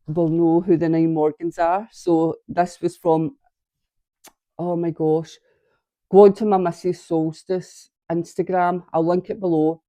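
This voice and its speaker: With a lowish, warm voice and no room sound, a woman films herself at home on a tripod-mounted camera talking about knitting. She sounds slightly stuffed up from sinus trouble, and her casual chatter rambles and keeps stopping mid-sentence.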